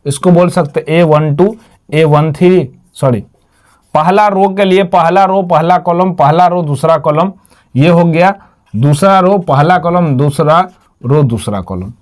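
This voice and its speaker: A man's voice: fairly high pitch, a little slow. A man teaching a math lesson, repeating each term and asking and answering his own questions. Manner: repetitive, quizzes himself with questions and answers.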